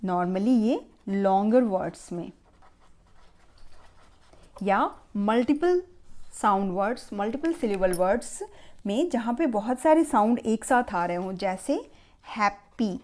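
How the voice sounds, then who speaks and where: A phonics teacher who hosts her own channel explains pronunciation rules to children's parents. Her medium-pitched voice is animated and a little mellow, and she speaks slowly and patiently, repeating words for learners.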